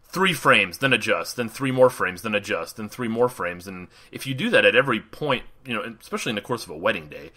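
A man's voice: lowish voice, lively intonation, fast talker, sharp tone. A male wedding photographer co-hosting a podcast, talking casually and rambling with lots of fillers and laughs.

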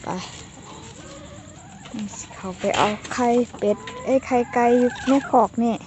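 A woman with an Isan Thai accent chatting casually while doing farm chores, softly coaxing her poultry and slipping into simple English. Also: a little high, slow pace. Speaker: vlogger. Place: outdoor poultry coop at night. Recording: loud background noise and clucking poultry.

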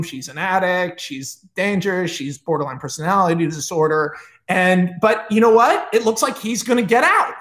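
A man retelling a story in a casual, excitable way, swearing often and saying "like" a lot. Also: high voice. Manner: excitable, profane, full of "like". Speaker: host retelling a film pitch.

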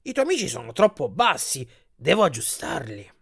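A smooth-talking giant salesman, voiced by a male reader in a read-aloud storybook, full of oily patter. His pitch rises and falls in lively swoops. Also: moderate pace, full character voice. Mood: smarmy.

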